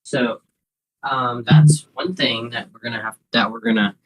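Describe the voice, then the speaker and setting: A man hosting an unscripted live weather stream, thinking aloud in a halting, repetitive way. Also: medium pitch, fairly bright tone, breathy edge, rough recording.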